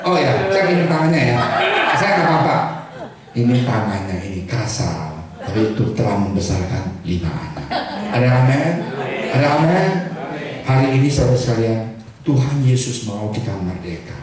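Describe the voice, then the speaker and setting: Older male pastor, jokey animated preacher, recorded from afar in a reverberant church with the crowd behind. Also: mid-range voice, normal speed. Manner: animated, joking, mixing in English and Chinese words. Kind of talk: sermon. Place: church hall. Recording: echoey hall from far off with congregation. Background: congregation laughing.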